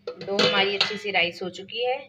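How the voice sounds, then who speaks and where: Over very noisy audio, a woman of medium pitch and moderate pace guides viewers through a home recipe from her kitchen. She hosts a cooking channel, has a Pakistani Urdu accent, and explains each step chattily with plenty of filler phrases.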